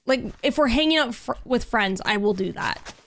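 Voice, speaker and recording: A woman talks casually to her stream viewers while playing, rambling from thought to thought with lots of "like". Her voice sits a little higher than most. She greets people with a lilting, friendly lift. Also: expressive, normal speed, gravelly, fairly bright tone. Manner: chatty, rambling, lots of 'like' and 'literally'. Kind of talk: casual livestream chat while gaming. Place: home room.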